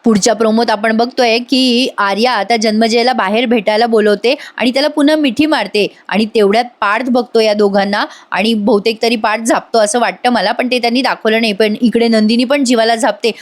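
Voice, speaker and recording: Woman doing a chatty soap recap, voice a bit strained, kinda high, talks right to viewers. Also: steady tone, fairly quick, hardly any pauses. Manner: chatty, addresses viewers directly. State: slightly strained voice. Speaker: TV serial reviewer. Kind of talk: voice-over episode review.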